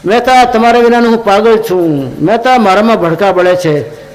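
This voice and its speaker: A man's voice: high-pitched, normal speed, natural voice. A male preacher voicing a male deity who pleads and cries out for his lost devotee. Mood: anguished pleading. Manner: crying out, pleading. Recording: long hall reverb.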